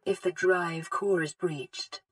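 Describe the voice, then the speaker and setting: A woman voicing a calm onboard computer, a gentle care robot that reads out health scans in a soft, even synthetic voice. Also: lowish voice, slow pace, breathy edge. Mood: calm warning. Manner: soft, even, reassuring status readouts. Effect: synthetic computer assistant voice. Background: game music.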